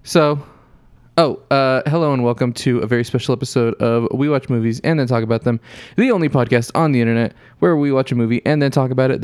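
A man's voice: mid-range voice, darkish tone, dry recording. Teasing male podcast host, dry mic. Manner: playful, teasing, rapid intros. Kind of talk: casual banter.

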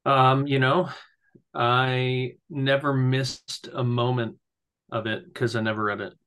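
A man's voice: mid-range voice, little pitch movement, slow pace, a bit bright, smooth. A man co-hosting a casual podcast discussion, with wry, self-deprecating humor. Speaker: podcast co-host.

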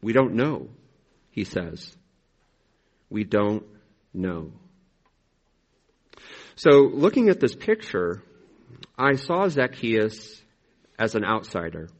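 A man preaching a conversational, reflective sermon in an informal, halting way, with slightly impeded articulation from braces. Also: lowish voice, very animated. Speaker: pastor preaching.

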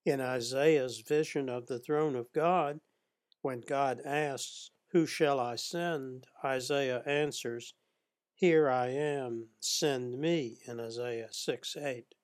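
A man reading a scripted Bible study lecture, reading scripture passages in a measured, even way. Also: mid-range voice. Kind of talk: scripted narration.

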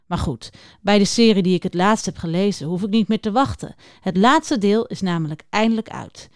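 Woman, scripted book introduction for children, friendly, addresses listeners directly, mid pitch, dry close sound. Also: normal speed, no echo. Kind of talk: scripted morning-opening talk for children.

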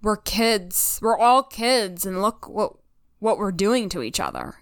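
A woman talks through a TV episode in a relaxed, reflective way, filling her speech with "like." Her voice is smooth and clear at a middle pitch. The recording is close and dry. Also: a little slow, dry recording. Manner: conversational and reflective, many "like"s. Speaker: podcast co-host. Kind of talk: casual discussion of a TV episode.

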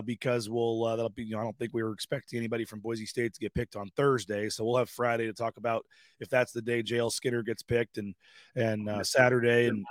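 A man with a hoarse voice hosting a live sports talk show, talking with many fillers and restarts. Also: medium pitch, dry recording, studio quality.

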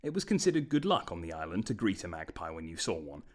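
In a scripted, storybook manner, a man narrates a fantasy tale at a fast clip. His voice is very low but travels through a lively range of intonation.

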